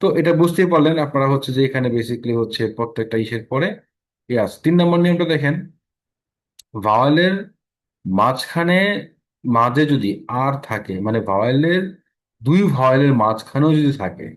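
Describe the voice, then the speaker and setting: A man with a Bangladeshi accent teaching English pronunciation in an online lesson, slowly explaining rules and repeating example words. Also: medium pitch, lively intonation.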